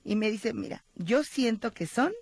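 A woman's voice: on the high side, expressive, a little slow, a little mellow, no room sound, clean studio sound. A woman hosting a radio talk show, chatting and reading listener messages. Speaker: radio host.

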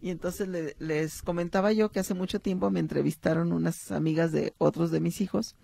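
A middle-aged woman with a Mexican accent talks about motherhood, her voice thick with gravelly fry. Her tone is dark and mellow, recorded dry and close. She tells little stories and briefly acts out the people in them. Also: lowish voice, steady tone, brisk, no room sound. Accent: Mexican Spanish. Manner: warm storytelling, acts out short quotes, addresses listeners. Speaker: psychologist and talk host. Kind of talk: reflective talk on motherhood and stories.

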